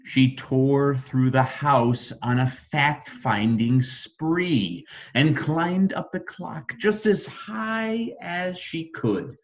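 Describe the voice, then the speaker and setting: An American man reads rhyming children's books aloud as a bedtime story, slowly and deliberately, with highly expressive intonation and dramatic emphasis. The sound is somewhat muffled.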